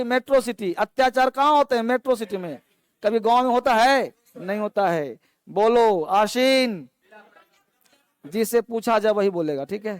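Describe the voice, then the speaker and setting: Male teacher, vocabulary drill; high, smooth voice, dry close sound. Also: dry recording. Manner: repeats each word slowly, then gives its meaning; quizzes students, calling on them to stand. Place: classroom with an online stream.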